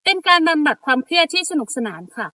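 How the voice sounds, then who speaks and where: A woman's voice: high voice, lively intonation, fast talker, sharp tone, dry recording. A young woman hosting an event, announcing booth activities politely with small fillers as she reads. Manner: polite, with fillers while reading booth details.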